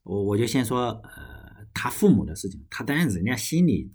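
A man's voice: medium pitch, sing-song, moderate pace, a little mellow, husky. A young Chinese man talking casually and at length on his own podcast, rambling with restarts and the odd curse. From China. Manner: rambling, frequent restarts and swearing. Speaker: podcast host. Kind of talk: casual solo podcast monologue.

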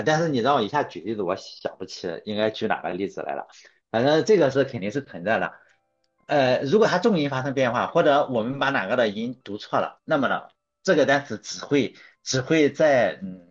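A man's voice: mid-range voice, husky. A man hosting a casual chat show, rambling through anecdotes and correcting himself as he goes. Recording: dull lo-fi sound with faint music.

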